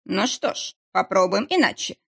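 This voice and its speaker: A woman's voice: mid-range voice, animated, normal speed, vocal fry, fairly bright tone, slightly rough, heavily acted. A woman voicing a menacing, mocking round-faced man interrogating two captives. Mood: mocking menace. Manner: mocking, threatening.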